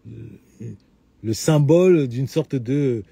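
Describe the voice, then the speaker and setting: Guy lecturing his followers, lots of uhs and restarts, really dark muffled voice. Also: mid-range voice, slow pace, husky, no room sound. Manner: hesitant, many fillers and restarts, lecturing tone. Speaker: host of a live talk answering questions. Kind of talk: unscripted lecture-style talk.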